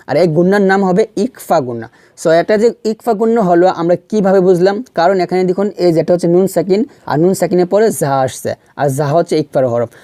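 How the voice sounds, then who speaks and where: A man teaching Quran reading step by step. He repeats syllables slowly to show how they are pronounced, and he asks questions and answers them himself. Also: sits high, dark tone, no room sound, studio quality. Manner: patient, repeats sounds and syllables slowly to demonstrate pronunciation. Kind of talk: step-by-step recitation lesson.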